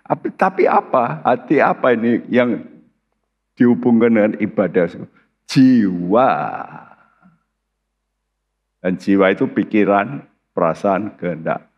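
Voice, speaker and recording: Pastor preaching slowly in a lowish voice, emphatic bursts, church reverb. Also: male voice, lively intonation. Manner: preaching with emphatic rising outbursts and questions to the congregation. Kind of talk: sermon. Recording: muffled livestream sound in a large reverberant church.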